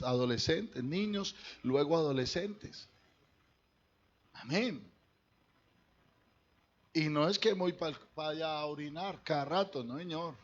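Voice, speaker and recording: Husky-voiced pastor preaching. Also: male voice, fairly high pitch, highs cut off. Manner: conversational preaching, addresses the congregation directly. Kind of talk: sermon. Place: church.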